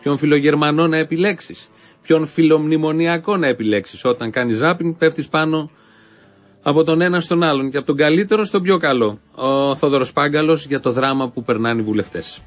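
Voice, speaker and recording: Sarcastic male political commentator. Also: a little high. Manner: biting, sarcastic. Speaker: host.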